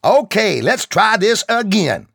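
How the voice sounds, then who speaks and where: A man voicing a loud, commanding army drill sergeant who barks orders and swears. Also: mid-range voice, big pitch swings, fairly quick, vocal fry, no room sound, clean studio sound, voice pushed up, exaggerated voice. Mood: bellowing. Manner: barking, commanding, profane.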